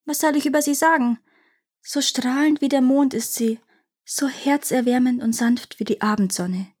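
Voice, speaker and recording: A woman voicing a proud male parrot king in a storybook reading, talking high and quick. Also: fairly even intonation, a little mellow, slightly rough. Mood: eager.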